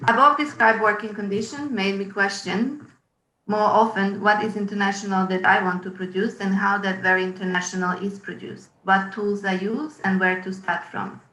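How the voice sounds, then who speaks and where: A curator from Yugoslavia gives a partly read webinar presentation over a video call from a room at home, hesitating often with ums and uhs. Her medium-pitched voice is bright and forceful, with fairly even intonation and normal speed, though the room is echoey and the audio poor.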